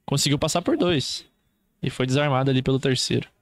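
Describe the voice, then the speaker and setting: A man's voice: mid-range voice, fairly quick, slight background noise. A man with a Brazilian accent doing live football play-by-play as a commentator, in short clipped running phrases.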